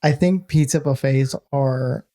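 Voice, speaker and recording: Mellow-voiced man rambling casually. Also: mid-range voice, unhurried. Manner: rambling, with frequent restarts. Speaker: podcast co-host. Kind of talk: casual chat.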